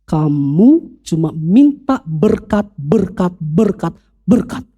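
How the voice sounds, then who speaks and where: A man voicing the stern, slow Holy Spirit. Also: high voice, very animated, mellow, husky, full character voice.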